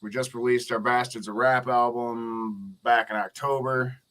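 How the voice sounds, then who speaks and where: Brief: male rapper guest, bright tone, relaxed street slang. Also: medium pitch, measured pace. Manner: laid-back, slangy, swearing. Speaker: hip-hop artist guest. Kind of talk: casual podcast chat.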